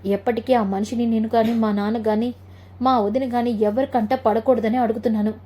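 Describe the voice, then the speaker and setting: A woman's voice: a little high, fairly even intonation, fairly quick, mellow, lightly acted. A woman voicing a worried mother who keeps a secret from her son, in a retold family serial.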